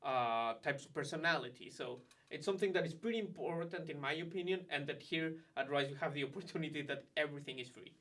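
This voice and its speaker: A chatty, animated man speaks as a graduate student ambassador, his voice sitting a touch high for a man. He loses himself in fillers as he talks. The mic is a little way from him, so he sounds slightly distant. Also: fast. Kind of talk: casual conversation.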